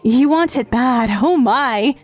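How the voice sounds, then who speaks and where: In an English-dubbed manga romantic comedy, a woman with a high-pitched voice speaks slowly as a devoted, clingy young step-sister. She teases coyly, with music playing behind her.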